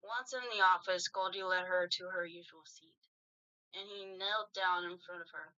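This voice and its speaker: A woman host reading fanfiction aloud with lively narration. Her voice is fairly low but bright and forceful. The recording is dull and lo-fi. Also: normal speed, clean tone.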